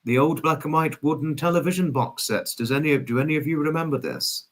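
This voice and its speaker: A livestream host in his twenties chats casually, reading viewers' messages and replying in an effusively polite, wordy way, often repeating his phrases. His voice is fairly high-pitched and quick.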